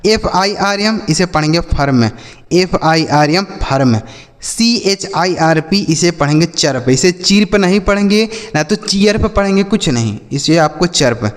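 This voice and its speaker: A man teaching English reading in a classroom style, asking his students questions and drilling each word slowly. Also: a little high, expressive, big-room sound. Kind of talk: classroom-style phonics lesson.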